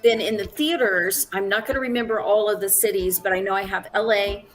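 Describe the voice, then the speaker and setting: A woman in her sixties chats casually as an interview guest. She is talkative, often pausing on ums and restarting her sentences. Faint music sits behind her voice. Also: mid-range voice, steady tone. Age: 60s. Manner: chatty, frequent ums and restarts, laughs easily. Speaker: interview guest, actress and director.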